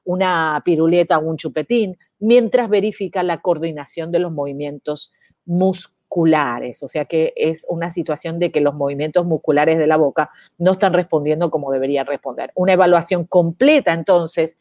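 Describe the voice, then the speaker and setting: A woman's voice: sits low, moderate pace, darkish tone, dry recording, clean studio sound. A woman, teaching parents in an informal way, explaining with many examples and rhetorical questions. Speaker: educator on child speech disorders.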